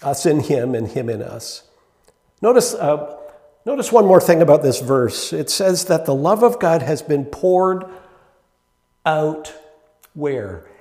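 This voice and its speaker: A middle-aged man preaching a sermon in a relaxed, conversational way, with fillers and rhetorical questions to the congregation. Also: on the high side, slow pace, long pauses. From Canada. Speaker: pastor. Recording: echoey hall with long reverb.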